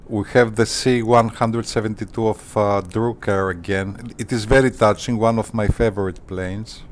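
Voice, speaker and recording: A man hosting a flight simulator channel, talking casually in deliberate, formal phrases with hesitant pauses. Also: on the low side, slight background noise. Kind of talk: casual tutorial commentary.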